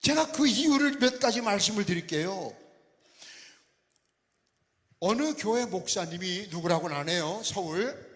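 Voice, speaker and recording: A man's voice: high voice, lively intonation, a little slow, pauses often, a bit bright. An older man from Chungcheong, Korea, a pastor preaching a revival sermon in a folksy, teasing way and quizzing his congregation. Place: large church sanctuary. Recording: long hall reverb.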